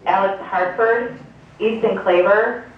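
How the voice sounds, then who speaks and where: A woman at the school office reads announcements and a list of student names over the intercom, slowly and evenly. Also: medium pitch. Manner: slow, even reading of a list of student names. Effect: school intercom loudspeaker. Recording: echoey, distant, muffled loudspeaker heard in a classroom.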